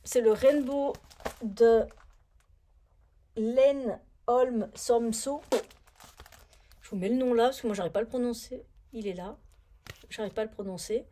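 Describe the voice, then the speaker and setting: A chatty woman talking through her knitting projects in a relaxed vlog, her voice sitting a little high. She rambles, mutters to herself while searching for her things, and grumbles when something annoys her. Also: a little fast, slight background noise. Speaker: knitting vlogger. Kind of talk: casual knitting vlog chat.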